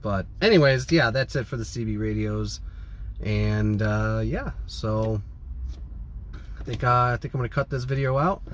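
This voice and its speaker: Talking a little slowly in a fairly low voice, a Midwestern American man rambles through an informal vlog chat to camera. He's parked in a van, and the phone or camera at arm's length picks up clear vehicle ambience.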